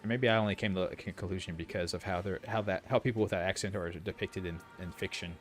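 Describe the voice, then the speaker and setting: A man's voice: deep voice, fairly even intonation, quick pace, faint music behind. A man streaming a video game, giving casual commentary with rambling, opinionated asides. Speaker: gaming streamer.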